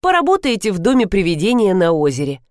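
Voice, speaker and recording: A woman's voice: medium pitch, very animated, quick pace, darkish tone, dry recording, studio quality, natural voice. A woman reading an audiobook, voicing a composed, firm and polite grown man. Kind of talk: audiobook character voice.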